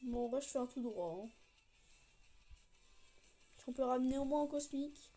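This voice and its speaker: A woman with a high voice commentates her gameplay casually, talking straight to her viewers. She comes across as a raging gamer, frustrated, grumbling and swearing at the game. Music plays clearly behind her. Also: moderate pace, dark tone. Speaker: gaming video creator.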